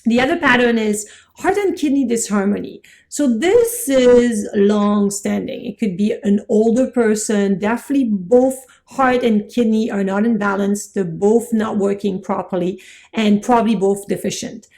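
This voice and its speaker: A middle-aged woman teaching Chinese medicine in a chatty, excitable way, laughing at herself as she goes. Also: mid-range voice, normal speed. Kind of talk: informal lecture.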